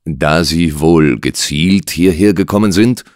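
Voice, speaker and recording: A man voicing a calm, precise gentleman detective. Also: very deep voice, unhurried, dry recording, clean studio sound. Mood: composed. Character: calm, composed male detective, coolly ironic.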